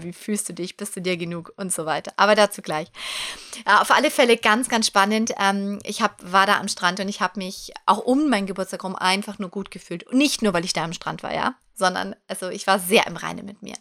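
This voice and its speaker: Podcast host, woman in her 40s, mid-pitched voice, lively and encouraging, speaks straight to the listener. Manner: animated, talks straight to the listener. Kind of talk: personal motivational monologue.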